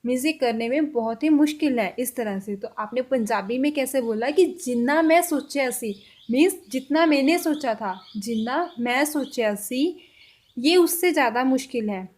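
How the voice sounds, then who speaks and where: A woman teaching a spoken language lesson, repeating each example sentence slowly and carefully. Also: sits high, animated, darkish tone.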